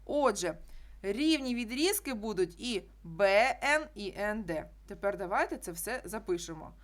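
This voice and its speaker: A woman teacher works through a geometry problem step by step in a classroom math lesson. Her voice is medium-pitched and her speed normal, and her delivery is steady, with key statements repeated so they stick.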